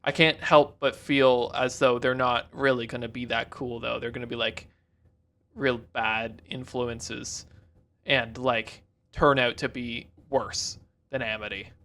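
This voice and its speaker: A man's voice: medium pitch, flat delivery, unhurried, sharp tone. A man hosting a reaction video, chatting casually, rambling, cutting himself off and cracking jokes. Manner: rambling, self-interrupting, jokey.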